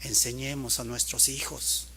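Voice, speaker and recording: A man preaching a sermon who shifts between quiet storytelling and loud, emphatic appeals. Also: medium pitch, flat delivery, a little slow, slight background noise. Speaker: pastor.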